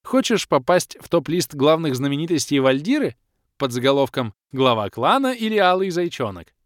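A brash young rogue from a fantasy storybook, haggling with mocking, pushy confidence, as a male narrator plays him. His delivery leaps up and down with lively emphasis, and it is recorded close and dry. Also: fairly high pitch, moderate pace, no room sound, pitched above the performer's own voice.

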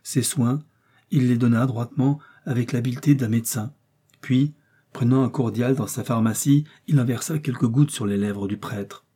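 A man narrating a classic adventure novel in a measured, dramatic storytelling voice. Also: mid-range voice, dark tone, husky. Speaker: audiobook narrator. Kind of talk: scripted narration.

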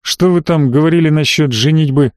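A haughty middle-aged baron, icy and clipped, who blusters when cornered, as a male narrator plays him. The voice sits a little high for a man and sounds dry and close. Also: a little fast, no room sound, lightly acted. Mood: suspicious, icy.

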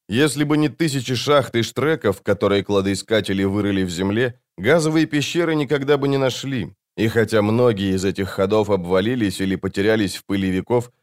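A man narrating a fantasy audiobook in a measured storytelling delivery. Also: on the low side, darkish tone.

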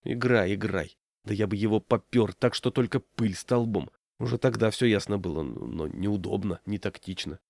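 A man's voice: fairly low pitch, normal speed, gravelly, a little mellow, dry recording. A man voicing a timid, hapless man who speaks bitterly and in despair.

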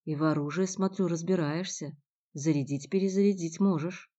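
A woman's voice: lowish voice, moderate pace, mellow, close to an everyday voice. A woman narrator voicing a blunt, tough young man who speaks curtly and growls his threats. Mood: probing. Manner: curt, growling. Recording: dull lo-fi recording.

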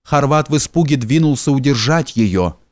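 Male audiobook narrator, mid pitch, measured, dry close sound. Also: expressive, darkish tone, dry recording. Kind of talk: reading a historical novel aloud.

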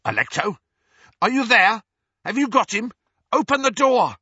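A coarse, bullying dark wizard who shrieks and bellows in a high, strained, lurching voice, as a male narrator pushes his pitch well up. The reading is bright and a little husky. It sits in a dry, slightly dull recording. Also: big pitch swings, normal speed, dry recording, heavily acted. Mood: furious.

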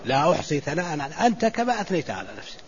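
Sheikh explaining a classical text. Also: male voice, fairly high pitch, very animated. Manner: explains slowly, repeating words and restarting phrases. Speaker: sheikh teaching a book. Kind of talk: classical Islamic lesson commentary. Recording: muffled lo-fi recording with faint hiss.

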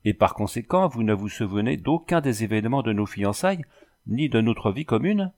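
A man's voice: lowish voice, expressive, normal speed, darkish tone. A man voicing an earnest young husband who keeps pressing his wife with questions. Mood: urging.

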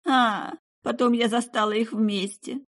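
A woman's voice: fairly high pitch, fairly even intonation, a little slow, a bit bright, voice pushed up. A woman voicing a middle-aged mother pouring out bitter, remorseful confessions. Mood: anguished. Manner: emotional, pleading outbursts.

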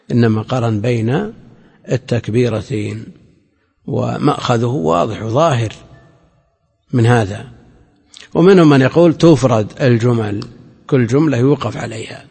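A man's voice: medium pitch, vocal fry, darkish tone, husky. A man, a religious scholar, giving a classroom lecture and explaining grammar point by point. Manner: explains grammar point by point, chanting quoted phrases. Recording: long hall reverb.

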